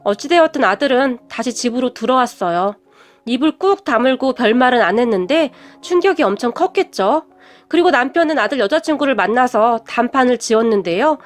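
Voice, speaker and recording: A woman's voice: high-pitched, expressive, brisk. A middle-aged woman narrating a first-person family story in a confiding, scripted storytelling style.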